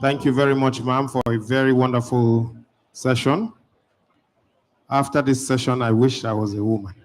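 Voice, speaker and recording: A man hosting an exhibition event, calling presenters up briskly and hurrying them along over a microphone in an event hall. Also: medium pitch, fairly even intonation. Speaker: event host. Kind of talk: event emceeing.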